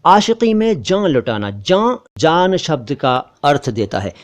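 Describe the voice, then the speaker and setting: A man's voice: on the high side, sing-song. Man teaching pronunciation, patient. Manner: patient, stresses and repeats words slowly. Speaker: language teacher. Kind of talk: explaining song lyrics and pronunciation.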